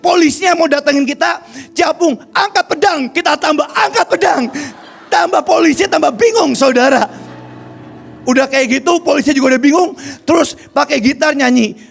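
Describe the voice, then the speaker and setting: High-pitched gravelly male preacher. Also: normal speed. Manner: storytelling, addresses listeners as "saudara", swings from hushed to shouting. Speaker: evangelist preacher. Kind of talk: sermon with personal testimony.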